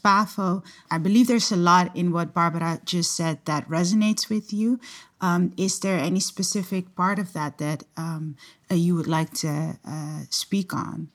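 Woman hosting a panel, lowish voice, lots of ums while asking stuff. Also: measured pace. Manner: hesitant, many fillers while framing questions. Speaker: moderator. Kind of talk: panel discussion.

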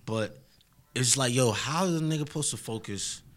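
A man's voice: medium pitch, moderate pace. A young man with a New York accent, telling his story as a rapper guest in a casual, slangy podcast chat. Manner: laid-back, slangy storytelling with frequent "you know what I mean".

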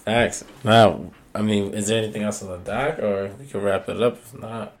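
A man's voice: fairly low pitch, steady tone, moderate pace. A young man co-hosting a casual podcast, making short laid-back remarks and steering the wrap-up. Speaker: podcast co-host. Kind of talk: casual chat.

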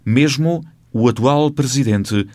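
A man with a European Portuguese accent, a radio news reporter reading a scripted report in a crisp, reportorial way. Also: mid-range voice, takes it slowly, a little mellow.

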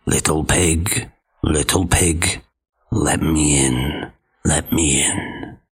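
Storybook villain: a man doing a deep, growly, crafty wolf, drawn out and slow. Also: fairly even intonation, husky, full character voice. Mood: menacing. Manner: slow, menacing, then falsely friendly. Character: big bad male wolf, hungry and scheming.

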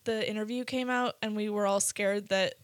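A woman's voice: mid-range voice, fairly even intonation, moderate pace, dry recording. A woman hosts a podcast and tells stories in loose, chatty talk. She giggles often, swears freely and slips in dry sarcasm. Her voice sits in a middle range and is recorded close and dry, with no room sound around it. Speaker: podcast host. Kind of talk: casual chat, storytelling.

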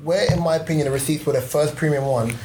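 A man's voice: fairly high pitch, fast talker, background noise. A man chatting casually on a podcast, slangy and explanatory, reeling off examples. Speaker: podcast panellist.

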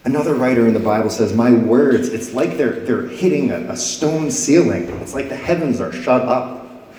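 Long reverb from an echoey church hall surrounds a pastor who speaks at normal speed in a dark, mid-range voice. Before his congregation, he gives a sermon and reads scripture with dramatic swells and falls.

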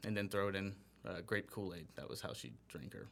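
Brief: low-pitched Southern-raised man co-hosting talk radio, playful anecdotes, easy laughs. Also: lively intonation, fairly quick, gravelly, a crowd in the background. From American South. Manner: playful storytelling, laughs easily. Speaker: co-host. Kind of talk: casual radio chat.

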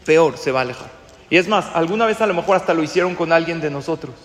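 A man gives a sermon as a rabbi, his voice pitched high. He asks his listeners questions and acts out the voices of the people in his story. The sound carries a long reverb, as if the class was recorded in a hall. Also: animated, fast.

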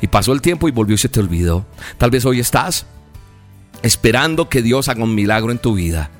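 A man's voice: mid-range voice, big pitch swings. Man, preacher, dramatic storytelling sermon, faint background music. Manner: dramatic, vivid retelling with pauses. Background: soft music.

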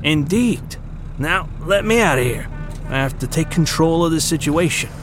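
An actor playing a commanding, dryly formal police commissioner in a period radio drama. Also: male voice, on the high side, animated, moderate pace, music in the background, close to an everyday voice. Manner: dry, formal, wry authority. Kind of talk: 1930s radio acting.

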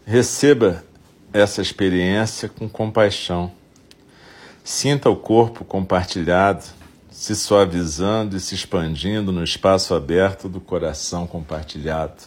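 A Brazilian man speaks in a very deep, husky voice as a meditation guide. His delivery is very slow and gentle, with long pauses between short, soothing phrases. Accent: Brazilian Portuguese.

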